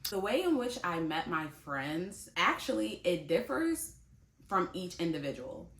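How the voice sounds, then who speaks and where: A vlogger in her late twenties speaks unhurriedly in a lowish, slightly bright voice with big pitch swings. Recorded in an echoey room, she talks casually and chattily to camera, addressing her viewers directly and laughing easily.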